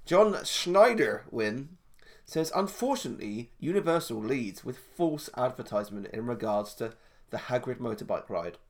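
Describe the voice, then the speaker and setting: A man's voice: mid-range voice, animated, moderate pace. A man who is ill, his voice thick and muffled as if underwater, co-hosting a casual podcast and reading out reviews with jokes and restarts. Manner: chatty, restarts often, jokey. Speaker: podcast co-host.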